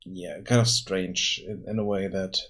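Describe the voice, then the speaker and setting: A tired man casually thinking aloud while working on his game during a live stream, pausing and restarting often. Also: sits low, steady tone, a bit bright. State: tired, yawning.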